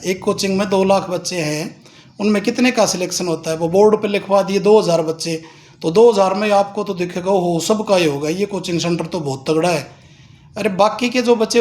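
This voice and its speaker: A middle-aged man speaking earnestly, advising parents and reeling off figures. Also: high-pitched. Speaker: speaker giving advice to parents. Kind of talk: informal address at a protest.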